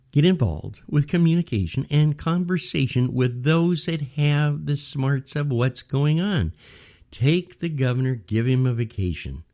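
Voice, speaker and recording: A man's voice: fairly low pitch, mellow. An older man with an American accent delivers an opinionated monologue, a grumbling old man's rant punctuated with rhetorical questions. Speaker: opinion commentator. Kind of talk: opinionated monologue rant about current affairs.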